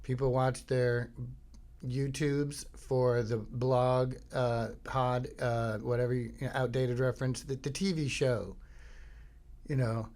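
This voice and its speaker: This man's voice is medium in pitch, flat, slow, and a little mellow. He's a middle-aged Florida native running his own podcast at home, meandering through jokey talk that breaks into goofy singing and impressions as he interrupts himself.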